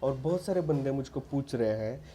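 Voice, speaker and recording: A man's voice: mid-range voice, expressive, moderate pace, warm tone, a little hiss or hum. A man talking casually to viewers, giving practical advice in an earnest, insistent way, often tagging his sentences with an "okay". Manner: informal, repeats "ठीक है" as a tag, frequent restarts. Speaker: vlogger giving visa advice. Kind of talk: casual advice talk to camera.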